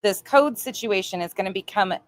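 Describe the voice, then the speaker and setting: A woman's voice: mid-range voice, a little fast, no room sound. Chatty swearing woman livestream host. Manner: chatty, mocking, swears freely. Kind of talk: casual livestream chat.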